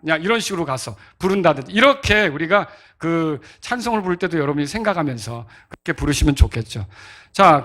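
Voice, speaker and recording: Bright-voiced pastor teaching rhythm. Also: male voice, high-pitched. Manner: interactive, asks congregation to clap and answer; sings out beats to demonstrate rhythm. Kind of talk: sermon teaching on hymn rhythm.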